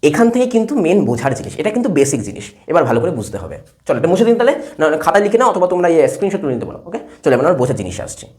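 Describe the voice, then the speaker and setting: A man's voice: a little high, very fast, hardly any pauses. A man teaching English grammar at a whiteboard, explaining step by step and checking again and again that his students follow. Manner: lively, asks checking questions again and again. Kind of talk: classroom lesson at a whiteboard.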